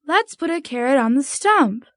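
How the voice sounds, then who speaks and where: A woman's voice: high-pitched, expressive, normal speed, fairly bright tone, no room sound, studio quality. A woman voicing a young, earnest storybook child with simple careful phrasing, as if reading to a toddler. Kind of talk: storybook character voice in a reading lesson.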